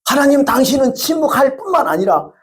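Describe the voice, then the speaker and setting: A man's voice: extremely high pitch, big pitch swings, a little fast, voice pushed up. A man voicing a suffering believer who bitterly pleads with God and complains to him. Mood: pleading.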